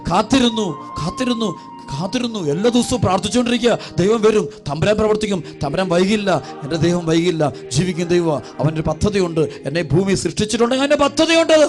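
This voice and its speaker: Fast high-voiced preaching priest. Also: male voice, expressive, music in the background. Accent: Kerala Malayalam. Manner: repetitive, pleading cadence, drops low and soft for prayers; addresses listeners as children. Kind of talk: devotional sermon with prayer.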